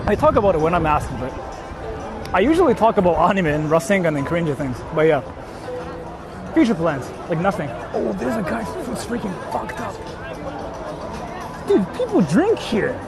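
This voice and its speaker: This young live streamer from Japan speaks with a Japanese accent in a high-pitched voice full of big pitch swings, vocal fry and long pauses, at normal speed. Chatting casually with viewers' comments on a busy nighttime city street, he repeats himself, stays informal and swears a lot, with music, traffic and crowd noise around him.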